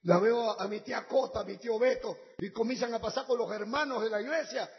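A middle-aged man, a pastor, preaching a testimony sermon and altar call, swinging between soft talk and shouting. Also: very high-pitched, fast talker, muffled recording.

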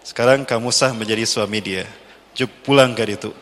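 A man voicing an older male mosque teacher who speaks in a calm, instructing way. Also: mid-range voice, fairly quick, big-room sound, pitched below the performer's own voice, lightly acted. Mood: firm.

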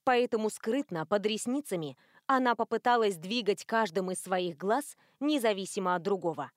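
A woman reading an audiobook as narrator in an even, clear storytelling manner. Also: mid-range voice, moderate pace, dry recording, studio quality. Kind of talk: scripted narration.

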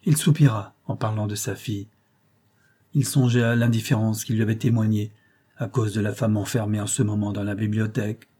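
A man reading a classic novel aloud as an audiobook narrator, telling the story in a measured, even way and lightly voicing the characters' dialogue. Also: fairly low pitch, husky.

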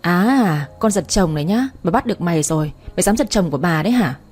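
A woman narrator voicing a brash, loud-mouthed young woman who teases and bosses her friend. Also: lowish voice, expressive, fast talker, slightly rough, soft background music. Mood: bossy teasing. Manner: crude, teasing, bossy.

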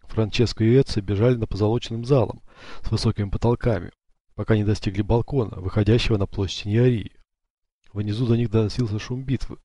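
A man narrating an audiobook in a steady, measured way. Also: on the low side, no room sound. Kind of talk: scripted narration.

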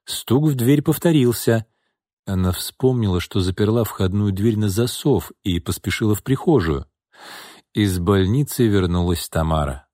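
A man reading a story as an audiobook narrator, in a steady storytelling manner. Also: on the low side, moderate pace, dry recording, clean studio sound.

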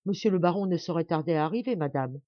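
A woman reader voicing a calm village priest with quick, soothing assurance. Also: on the low side, no echo, lo-fi sound. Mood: reassuring. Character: calm village priest, older man, reassuring.

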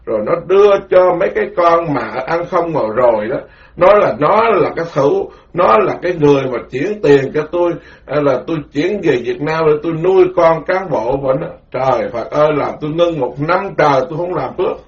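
A man, a Buddhist monk, giving a rambling, animated dharma talk full of stories. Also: a little high, fairly quick. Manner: rambling, animated storytelling with quoted voices. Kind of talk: informal spoken sermon. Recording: dull lo-fi recording.

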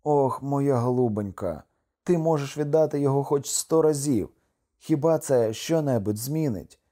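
A man reading an audiobook, voicing a doomed young husband, tender and gloomy, with a slow, mournful delivery. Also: on the low side, lively intonation, mellow. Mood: despairing.

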